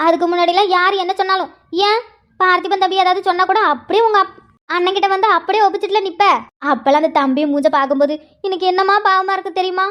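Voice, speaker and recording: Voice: very high-pitched, fairly even intonation, quick pace, fairly bright tone. A performer voicing a gossipy, scheming village sister-in-law in a cartoon, chatting and teasing. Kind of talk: Tamil cartoon voice acting.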